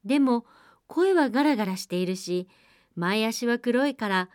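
A woman voicing a caring mother goat in a storybook, giving her young ones a gentle warning. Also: on the high side, animated, normal speed, no room sound, studio quality, close to an everyday voice.

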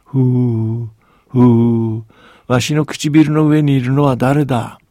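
A man reading a storybook aloud and voicing a huge ancient male giant of the north, who speaks loudly with drawn-out blowing breaths. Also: mid-range voice, level tone, no echo, clean studio sound. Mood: booming.

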